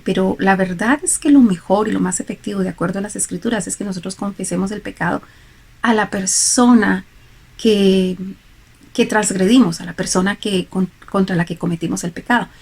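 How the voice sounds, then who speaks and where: A middle-aged woman teaches from the Bible in an earnest sermon, illustrating her points with everyday examples. Her voice carries a gravelly edge with touches of vocal fry at a mid-range pitch. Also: a little mellow. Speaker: preacher.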